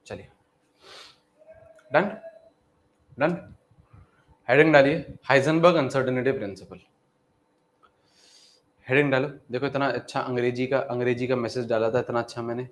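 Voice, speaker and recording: A man teaching a live online chemistry class, who repeats each phrase, calls the students "beta" and dictates notes slowly. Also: medium pitch, steady tone.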